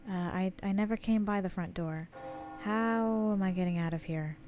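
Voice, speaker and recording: A woman's voice: mid-range voice, normal speed, a little mellow, soft background music. A woman giving chatty gameplay commentary as a let's play host, talking herself through things in a flustered way. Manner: chatty, flustered self-talk.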